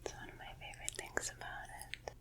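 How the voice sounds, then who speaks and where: A woman in a whispered role-play as a painter guiding a sitter, speaking gently and soothingly right in the listener's ear, lingering on and repeating words into a close binaural microphone. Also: fairly quick.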